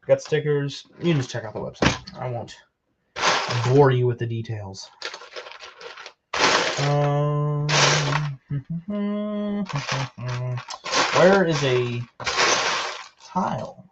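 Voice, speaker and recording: A man's voice: a little high, drawn-out words, long pauses, lo-fi sound, very noisy. A man casually commenting while he builds with Lego, rambling and joking at himself as he works. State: tired.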